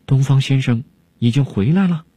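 A man voicing an anxious, timid male court alchemist, fretful and pleading, his voice jumping high in alarm. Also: moderate pace, dark tone, husky, no room sound, close to an everyday voice.

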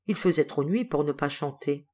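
A woman reading a classic novel aloud as an audiobook narrator, with a measured, expressive delivery. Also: low voice. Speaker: audiobook reader.

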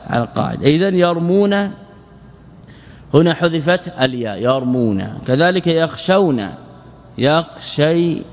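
A man teaching Arabic morphology in a lecture, repeating words slowly and asking and answering his own questions. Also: a little high. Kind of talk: classroom lecture explaining grammar. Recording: long hall reverb.

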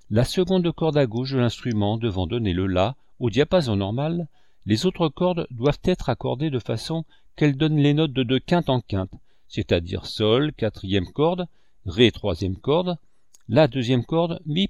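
A man narrating an audiobook with a mid-pitched voice and animated, rising and falling intonation. His storytelling is expressive and measured. The recording is close and dry, with no room sound. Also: no room sound, muffled recording. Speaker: audiobook reader.

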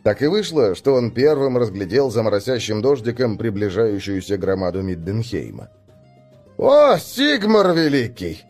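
A man narrating a fantasy novel as an audiobook, expressive and voicing the characters. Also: fairly low pitch, normal speed, few pauses, faint music behind.

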